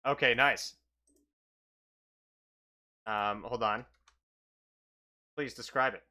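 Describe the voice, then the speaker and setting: A man's voice: medium pitch, extremely slow, pushed and bright. A man improvising narration as game master of a tabletop role-playing game.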